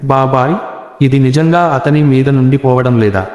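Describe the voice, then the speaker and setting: A man's voice: mid-range voice, moderate pace, darkish tone, natural voice. A man voicing a frightened young man who pleads with an elder. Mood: afraid. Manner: fearful, pleading. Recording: roomy echo with long reverb.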